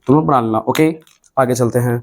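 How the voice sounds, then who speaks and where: A man's voice: mid-range voice, fairly quick. A man with a Bihari Hindi accent teaching English grammar at a classroom board, repeating each point and stretching words out syllable by syllable.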